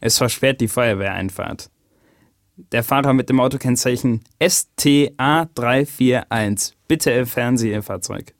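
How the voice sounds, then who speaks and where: A man's voice: medium pitch, unhurried, no room sound, studio quality. A man reading a public notice in a firm, urgent way. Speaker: announcer. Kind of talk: scripted public announcement.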